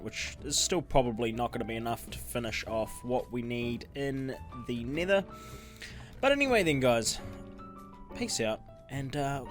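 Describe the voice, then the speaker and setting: A man giving casual gameplay commentary as a YouTuber. He rambles, interrupts himself and chuckles as he talks. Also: mid-range voice. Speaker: gaming YouTuber.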